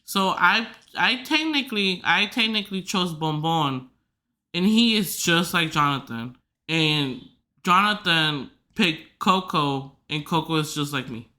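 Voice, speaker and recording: A young woman chatting casually on her podcast, her voice very bright and forward. She rambles and fills her sentences with "like," slipping in giggly asides as she goes. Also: fairly low pitch, expressive, a little slow. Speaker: podcast host. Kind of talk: casual chat.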